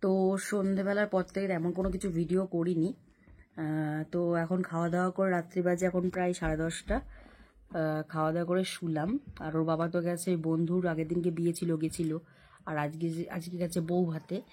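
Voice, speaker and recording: Chatty woman with a dark husky voice. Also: fairly low pitch, little pitch movement, moderate pace. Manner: chatty, rambling, explaining at length. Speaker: vlogger. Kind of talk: casual chat to camera. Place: home bedroom, lying under a blanket.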